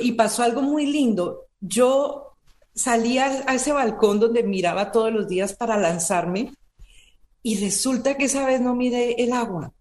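A woman in her forties tells her personal story in an interview, earnest and emotional, circling back and repeating words. Her voice sits a little high. The room has a noticeable echo around her. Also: darkish tone. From Colombia. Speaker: interview guest. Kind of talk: personal testimony in conversation.

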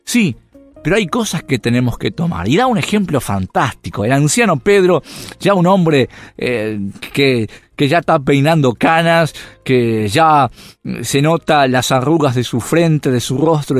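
A man delivers a radio devotional sermon. His fairly high voice climbs on rhetorical questions and sinks on quieter points. Faint music runs underneath. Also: a little slow. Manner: rhetorical questions, animated rises and drops. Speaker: radio preacher.

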